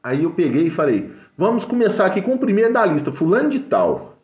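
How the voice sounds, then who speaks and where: A man's voice: high voice, big pitch swings, fairly quick, a little mellow. A man with a Brazilian Portuguese accent giving a fervent church testimony, telling a story and breaking into praise. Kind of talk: emotional religious testimony. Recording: echoey, slightly dull recording with faint music.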